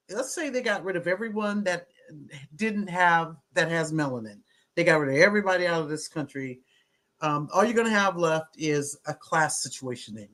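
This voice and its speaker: Animated man hosting a livestream. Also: high voice. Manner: animated, rambling with restarts. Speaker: livestream host. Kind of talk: casual commentary. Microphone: streaming mic, briefly distorted.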